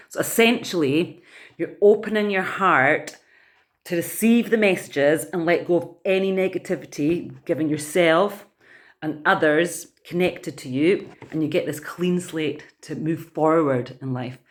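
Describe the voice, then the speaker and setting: A woman, softly guiding listeners through a healing prayer in a relaxed, unhurried way. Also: sits low. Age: 40s. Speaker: holistic therapist and vlogger. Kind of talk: gentle guided prayer talk.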